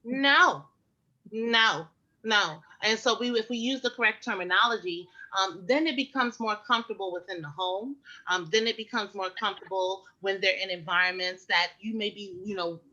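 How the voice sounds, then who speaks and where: Woman health educator, casual and candid, bright tone, muffled lo-fi capture. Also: mid-range voice, fairly quick, hardly any pauses. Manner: animated, frank, with many fillers and rhetorical questions. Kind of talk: casual conversational advice. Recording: muffled lo-fi recording.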